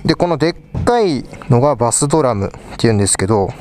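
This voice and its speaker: A small clip mic on a head-mounted camera catches a young vlogger casually explaining his instruments as he plays them in a small rehearsal studio, backed by live drums and guitar. He's a fast, expressive talker with a medium-pitched, somewhat mellow voice, and there's slight background noise.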